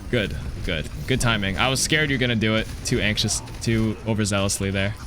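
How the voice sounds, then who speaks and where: A man's voice: on the low side, fairly quick, background noise. A man reviewing gameplay as a coach, talking casually in a blunt, analytical and sometimes sweary way. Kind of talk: casual live game review commentary.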